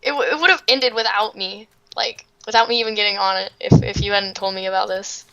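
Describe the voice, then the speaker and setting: A woman's voice: mid-range voice, fairly even intonation, a little fast, fairly bright tone, highs cut off. A woman playing a game with a friend, giggling often and teasing playfully. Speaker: guest player. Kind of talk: casual gaming chat.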